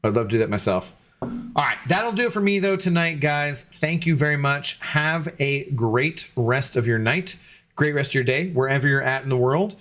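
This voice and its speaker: Tipsy and animated, a young streamer keeps up loose chat with his audience at a moderate pace, full of fillers and false starts. His voice is medium-pitched and fairly bright.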